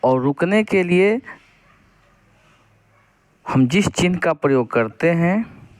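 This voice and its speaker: Slow, patient male Hindi teacher. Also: on the high side, lively intonation. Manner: slow, explains step by step, asks questions then answers them; reads example sentences slowly and deliberately. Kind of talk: Hindi grammar lesson.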